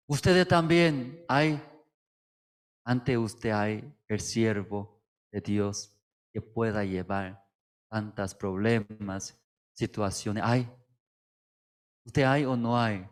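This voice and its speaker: Un pastor predicando un sermón con frases sencillas y entrecortadas, muchos "mm" y preguntas retóricas al público. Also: male voice, mid-range voice. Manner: halting, simple phrasing with frequent "mm" and rhetorical questions. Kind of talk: sermon. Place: church service, streamed online.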